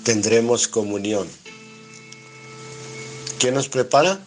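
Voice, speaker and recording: A man's voice: mid-range voice, expressive, takes it slowly, soft background music. A man with a Mexican accent giving a Bible study sermon, reading scripture aloud and explaining it line by line, asking rhetorical questions and answering them himself. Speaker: preacher.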